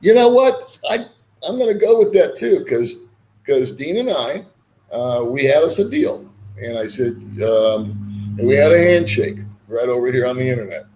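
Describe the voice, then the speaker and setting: A man's voice: mid-range voice, very animated, normal speed, a little mellow, low-quality recording. A man hosting a casual livestream, rambling easily as he reads and answers viewer comments with bantering remarks. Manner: rambling, chuckling, easygoing banter. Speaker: livestream host.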